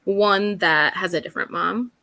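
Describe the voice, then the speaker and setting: A woman's voice: mid-range voice, normal speed, sharp tone, no room sound. A woman co-hosting a casual podcast as a mother of two, chatty and laughing between phrases. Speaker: podcast co-host. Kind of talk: casual chat.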